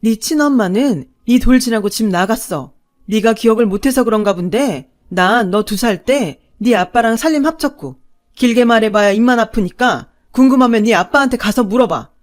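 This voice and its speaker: A cold, harsh stepmother in a radio story who yells her words out curtly and loudly, as a woman narrator puts her on. The voice rises high and sharp whenever she scolds. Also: sing-song, moderate pace, close to an everyday voice. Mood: cold, shouting. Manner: shouting, scolding, curt.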